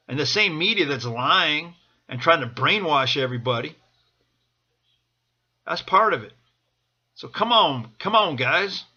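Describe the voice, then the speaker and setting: Male vlogger, higher-pitched and very forceful, urgent exhorting delivery, impassioned improvised rally-style pep talk, repeats phrases for emphasis. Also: slightly rough, dull audio. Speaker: political supporter vlogger. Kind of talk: impassioned off-the-cuff political pep talk to camera.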